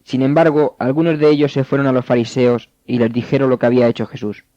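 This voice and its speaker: A man narrating scripture in a steady, measured way. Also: mid-range voice, no room sound. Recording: dull, dry studio sound.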